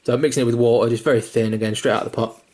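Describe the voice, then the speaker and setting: This casual miniature painting tutorial comes from a hiccuping young man speaking rapid-fire at a medium pitch, his tone steady and a little mellow. He wanders a little, with fillers, restarts and occasional swear words, coming across as mildly self-deprecating.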